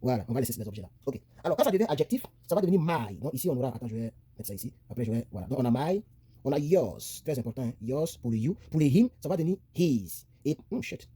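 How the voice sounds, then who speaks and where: Fast-talking husky male teacher. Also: medium pitch, very animated, warm tone, no room sound. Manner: chatty, repeats himself, narrates his drawing on a tablet, self-correcting. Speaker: English teacher. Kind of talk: casual screen-recorded lesson.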